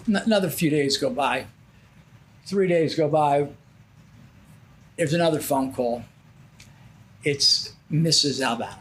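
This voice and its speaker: Older male podcast host, casual rambling storyteller with a slightly high voice over light hiss. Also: a bit bright. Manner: rambling, drops his voice low to act out quotes.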